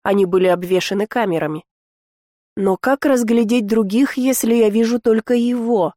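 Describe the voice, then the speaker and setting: A woman's voice: dry recording, studio quality. A woman narrating a fantasy romance story aloud, lifting her voice for the characters' lines. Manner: expressive, rising pitch in quoted speech. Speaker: audiobook narrator.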